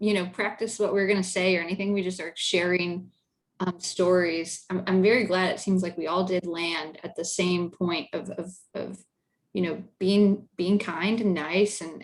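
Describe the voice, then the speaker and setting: Over a video call, a woman with a lowish voice moderates an informal online panel, chatting casually with lots of fillers and restarts. The recording is rough.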